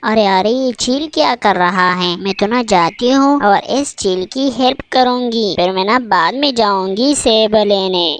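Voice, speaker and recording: A woman voicing a kind, obedient young daughter-in-law bird in a cartoon, speaking politely and gently. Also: medium pitch, a little slow, pauses often, voice pushed down, lightly acted. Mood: gentle. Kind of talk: Hindi cartoon voice acting.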